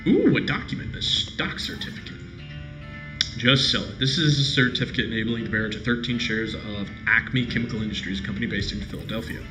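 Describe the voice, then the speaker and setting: A man's voice: on the low side, expressive, a little fast. A man hosting a let's play, reading game text aloud and adding casual comments. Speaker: gaming video host. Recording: roomy echo, music behind.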